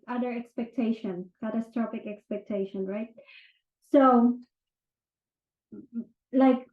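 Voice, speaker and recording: Speaking with a Filipino accent, a Philippine woman who teaches self-improvement gives a chatty, casual explanation to camera in a slightly high voice. Fillers pile up, and she keeps checking in with "right?". The sound is thin and tinny, like a phone line, with room echo.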